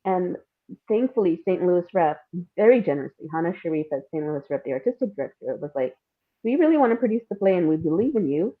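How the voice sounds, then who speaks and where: Speaking fast in a sing-song voice on the low side, a woman guest gives a casual, reflective interview. Candid and informal, she thinks out loud, and the audio is narrow and phone-like.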